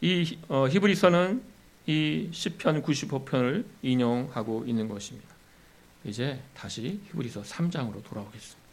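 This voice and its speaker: A man preaching a sermon as a pastor. His voice climbs and gets louder when he voices the complaints of the people, then drops low and soft to close each point. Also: moderate pace. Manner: rises in pitch and volume when voicing complaints to God.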